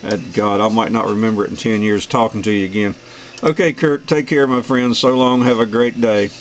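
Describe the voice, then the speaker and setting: The recording, lo-fi and noisy from a radio shack, captures a middle-aged or older American ham operator in casual, folksy conversation with friendly sign-offs. He speaks a little fast in a lowish, steady voice.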